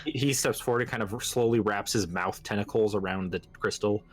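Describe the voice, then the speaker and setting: A man narrating a tabletop game as game master, speaking casually and a little haltingly. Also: lowish voice.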